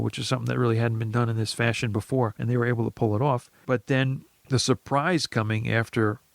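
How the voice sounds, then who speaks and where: A man's voice: mid-range voice, no echo. A man co-hosting a podcast, rambling through a casual movie recap with frequent laughs and restarts. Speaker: podcast co-host.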